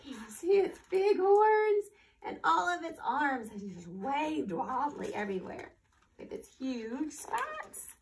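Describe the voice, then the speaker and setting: A woman with a high, very animated voice talks slowly while hosting a library storytime for young children. She reads aloud and addresses them with simple instructions and questions, sounding far from the mic.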